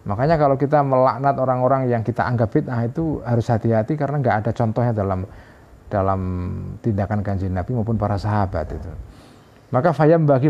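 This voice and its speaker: Mellow-voiced man teaching a religious text. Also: mid-range voice. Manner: explains Arabic text phrase by phrase with frequent "ya". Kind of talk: informal religious lesson. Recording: dull lo-fi recording.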